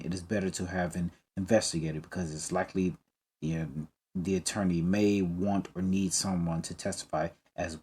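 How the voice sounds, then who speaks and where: A man's voice: deep voice, darkish tone, slightly rough. A man giving casual, laid-back game commentary with joking asides. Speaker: let's-play player.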